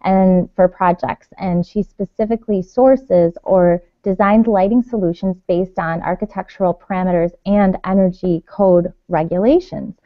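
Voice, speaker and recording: Woman host, dry close sound, halting intro full of ums, lo-fi audio. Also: on the low side, fairly even intonation, dry recording. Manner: hesitant, lots of ums while introducing. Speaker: show host. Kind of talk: podcast interview.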